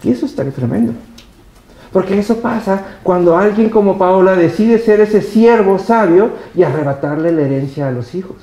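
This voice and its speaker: A Mexican pastor with a high, mellow voice preaches emphatically, repeating words as he speaks straight to his congregation. His voice rings through an echoey hall where the service is held. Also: normal speed. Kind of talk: sermon.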